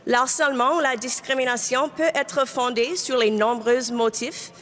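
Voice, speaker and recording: A woman's voice: sits high, steady tone, normal speed, fairly bright tone. A woman with an English-speaking accent in French, co-chairing a convention and reading policy in English and French with small stumbles. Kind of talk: bilingual chairing and announcements. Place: large convention hall. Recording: long reverb of a large hall.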